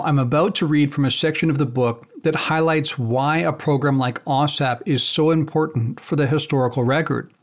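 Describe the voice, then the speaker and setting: A man hosting a show, reading aloud from a book in a measured, deliberate way and then commenting on it. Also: fairly high pitch. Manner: measured, deliberate storytelling delivery. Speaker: host.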